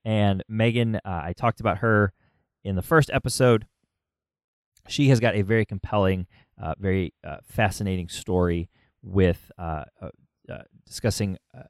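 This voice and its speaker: A man hosting a podcast, talking conversationally with halting phrasing and repeated words. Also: deep voice, a little mellow, no room sound, studio quality. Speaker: podcast host. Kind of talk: conversational podcast intro and interviewing.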